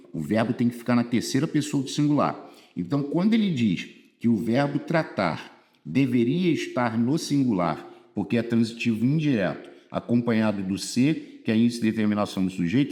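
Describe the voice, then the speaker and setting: A Brazilian man teaching Portuguese grammar for exam prep in a casual way, reading quiz items slowly and then explaining them in colloquial speech. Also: medium pitch, a little mellow.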